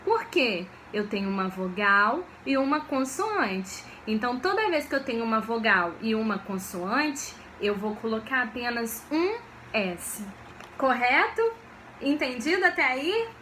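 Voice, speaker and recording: A woman teacher, giving a video lesson for children in a slow, patient way and often checking that they follow. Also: high voice, pushed and bright, a little hiss or hum. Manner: slow, patient, checks understanding with frequent questions.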